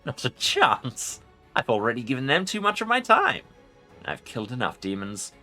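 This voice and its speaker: Man voicing an arrogant ancient undead lich, animated. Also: mid-range voice, normal speed, soft background music, pitched above the performer's own voice, exaggerated voice. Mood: arrogant, dismissive. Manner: pompous, imperious formal speech. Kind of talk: dramatic video game role-play reading.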